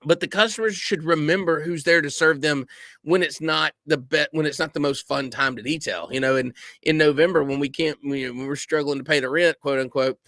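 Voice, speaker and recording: Bright slightly high guy rambling on a live stream, lots of ums and you knows, dry close sound. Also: a little fast, no room sound. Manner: rambling, animated storyteller with lots of fillers. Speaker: podcast co-host. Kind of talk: casual live-stream chat.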